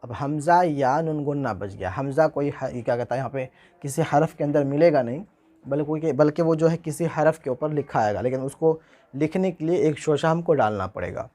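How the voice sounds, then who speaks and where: A man with a fairly high voice gives a patient spoken lesson on writing. He spells each word out letter by letter, then says the whole word again, often more than once. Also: mellow. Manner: slow spelling out letter by letter, repeating words. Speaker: Urdu writing teacher.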